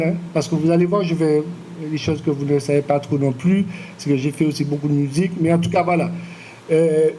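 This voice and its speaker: Hesitant Martinican man, higher voice. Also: warm tone, a little hiss or hum. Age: 40s. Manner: measured, many fillers and restarts. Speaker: artist interviewed. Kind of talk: public interview, hesitant and reflective. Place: lecture room.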